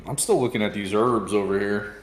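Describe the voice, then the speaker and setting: Male player, slangy and casual. Fairly deep, roomy sound, soft music behind. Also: normal speed. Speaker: tabletop game player. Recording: roomy echo, faint music.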